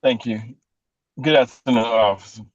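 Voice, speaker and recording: A male defense attorney cross-examining a witness in court, pointed and deliberate. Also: mid-range voice, no echo. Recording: dull, dry lo-fi courtroom audio.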